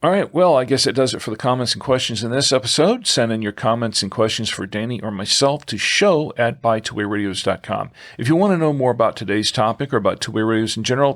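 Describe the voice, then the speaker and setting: Going over listener mail and show matters, a male podcast co-host speaks in a creaky, slightly bright, medium-pitched voice. He often halts and pauses as the conversation unfolds.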